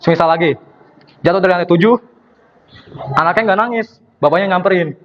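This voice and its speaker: Young man doing stand-up, high voice. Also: a little fast, lo-fi sound. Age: young adult. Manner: acts out dialogue, switching voices for characters. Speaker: student comedian. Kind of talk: stand-up comedy. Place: performance room at a university.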